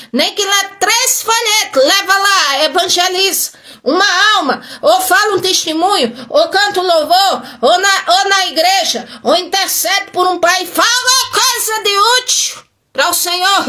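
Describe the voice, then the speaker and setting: A woman's voice: very high voice, normal speed, bright, forceful tone. A woman pastor preaching a sermon, emphatic and full of rhetorical questions.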